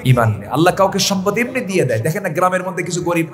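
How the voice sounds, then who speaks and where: A man from Bangladesh preaching a waz sermon, calling out questions and shouting for the crowd to answer back. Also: high voice, lively intonation, rapid-fire, in a large hall. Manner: call-and-response, shouting to the audience.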